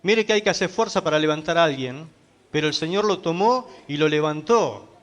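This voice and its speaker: A man's voice: a little high, lively intonation, fairly quick. A man pastor preaching a sermon, emphatic, asking the congregation rhetorical questions.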